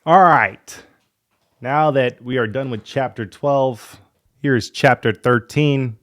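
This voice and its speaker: A slow, medium-pitched man leads a casual coding walkthrough, his voice fading from a cold. As he debugs he thinks out loud and mutters in frustration.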